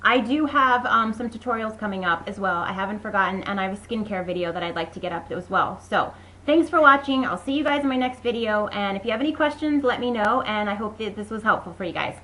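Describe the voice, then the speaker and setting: A woman's voice: medium pitch, fast, hardly any pauses, pushed and bright, poor audio. A young woman chatting casually and enthusiastically as she reviews beauty products, rambling a little with fillers. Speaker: beauty vlogger.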